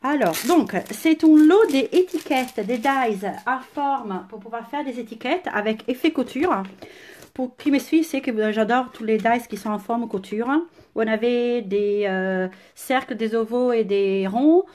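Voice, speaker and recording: A woman with an Italian accent chatting enthusiastically through a casual live-stream unboxing, often pausing on "euh", recorded on a phone camera indoors at home. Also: on the high side, darkish tone, slight background noise. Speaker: crafting product demonstrator.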